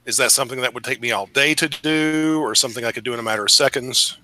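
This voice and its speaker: Bright-voiced man pressing for details. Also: mid-range voice, quick pace. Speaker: player. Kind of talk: casual tabletop play.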